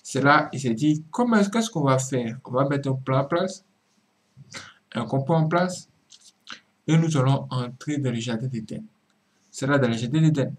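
A man preaching in a video commentary, swinging from emphatic cries down to low murmured asides and repeating words for emphasis. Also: lively intonation, normal speed, long pauses. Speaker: religious commentator.

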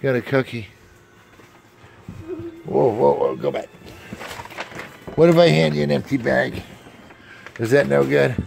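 Slow, gravelly dad narrating home video. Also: male voice, mid-range voice, darkish tone, slight background noise. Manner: playful, teasing running commentary. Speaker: parent filming his child.

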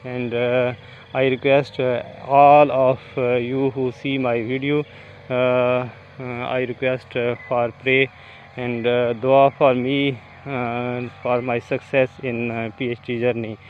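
A man vlogging outdoors on a golf course while walking, talking haltingly with many fillers into a phone camera. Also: medium pitch, level tone, phone-quality sound, a little hiss or hum. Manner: halting, many fillers, non-native phrasing. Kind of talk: walking vlog, reciting prayers then casual talk. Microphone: phone camera held while walking.

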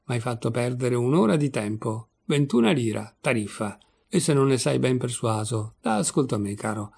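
A man voicing a placid, pompous old lawyer who lectures calmly and keeps calling others "my son", in a gravelly voice. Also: medium pitch. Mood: stern insistent.

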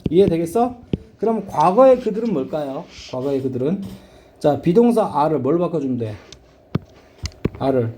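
Against background noise, a middle-aged man with a slightly high voice and lively intonation lectures on English reading. Casual and blunt, he constantly asks his class if they're following, using short, quick questions.

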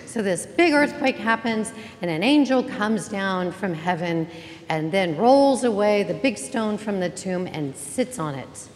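In a church sanctuary, a woman serving as interim pastor opens her Easter sermon by welcoming the congregation in a chatty, joking way. Her medium-pitched voice is unhurried with lively intonation, and the hall's reverb and faint ambience are audible.

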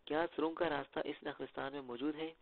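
A man's voice: on the high side, fairly even intonation, quick pace, creaky. A man voicing a playful, joking young male secret agent who teases his companions, heard through tinny phone-like audio. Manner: playful, bantering.

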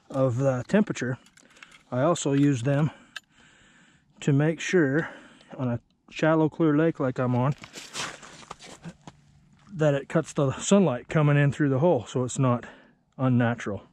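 A man whose voice sits on the high side with a darkish tone casually describes his ice fishing setup out on a frozen lake, with slight background noise. Plainspoken and poking fun at himself, he films it on an action camera strapped to his body.

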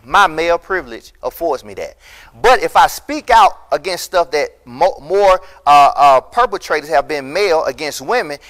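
A middle-aged pastor delivers a recorded sermon in an empty church hall, speaking into a lapel mic. His voice sits fairly high, and he preaches with passion and emphasis, climbing to loud peaks.

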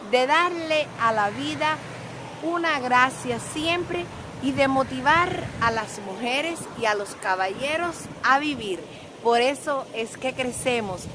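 There's background noise as a middle-aged woman from Cuba films herself by a grassy lot with her phone held out at arm's length. She talks in a high voice, sing-song and theatrical, and keeps praising herself in this casual vlog.

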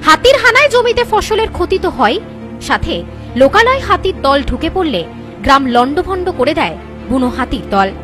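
A woman's voice: sits high, very animated, normal speed, music in the background. A young woman with an Indian Bengali accent reading scripted news as a presenter.

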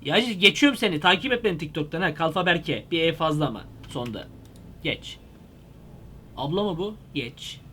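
A young man hosting a comedy video from his computer, talking animatedly into a headset mic and shouting in mock fright. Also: a little high, lively intonation, normal speed, a little hiss or hum. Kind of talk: excitable comedic vlog. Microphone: headset microphone.

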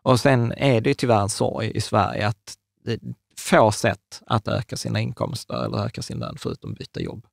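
This podcast co-host, a man in his thirties, has a lowish, creaky voice and is very animated, barely pausing as he explains things enthusiastically in a casual chat. He restarts sentences, uses fillers, and gestures as he talks. He's speaking into a large studio mic on a table stand in a small room, with no room sound audible.

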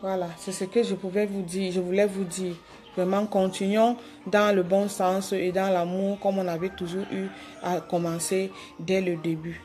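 A woman's voice: mid-range voice, little pitch movement, moderate pace. A woman speaks to her followers on a live phone video, pleading and going over the same points again and again. She stumbles into hesitant restarts as she talks. Faint music plays underneath. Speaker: livestreamer addressing her followers.

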